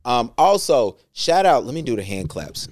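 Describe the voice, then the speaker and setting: A man co-hosting a podcast in casual chat, laid-back with lots of slang and shout-outs. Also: mid-range voice, big pitch swings, moderate pace, dry recording. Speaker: podcast co-host.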